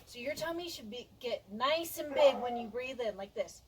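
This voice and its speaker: A woman teacher leading a class through body and voice warm-ups in an upbeat, coaxing way. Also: on the high side, lively intonation, moderate pace, a little hiss or hum, low-quality recording. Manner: upbeat, coaxing, counts aloud with energy. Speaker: music and theater teacher.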